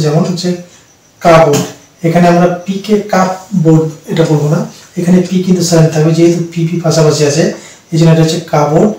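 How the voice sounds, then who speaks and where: Man, Bengali first language, English teacher, slow step-by-step explaining, echoey room, far from the mic. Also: fairly high pitch, mellow. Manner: slow, step-by-step explaining with many pauses and repetitions. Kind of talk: explaining English pronunciation rules.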